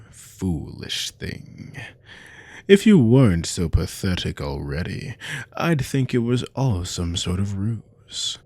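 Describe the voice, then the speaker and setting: A man playing a cruel, haughty naga army commander in an ASMR role-play, slow and domineering, with a gravelly, breathy voice. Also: low voice, darkish tone, no room sound, exaggerated voice. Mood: mocking, condescending. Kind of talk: scripted ASMR role-play monologue to a captive listener.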